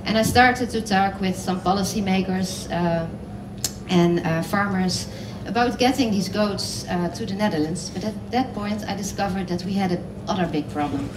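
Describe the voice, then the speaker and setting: A woman's voice: mid-range voice, moderate pace. Woman on stage in a roomy hall. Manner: earnest, with many fillers. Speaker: panellist designer. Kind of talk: panel talk on stage. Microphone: headset. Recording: roomy hall, mic at a distance, noisy.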